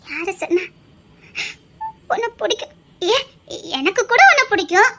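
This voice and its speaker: Woman voicing devoted young woman, Tirunelveli accent, very high voice, insistent and tender. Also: lively intonation, measured pace, pushed and bright, full character voice. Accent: Tirunelveli Tamil. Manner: coaxing, soothing, insistent. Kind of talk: amateur dramatic dialogue.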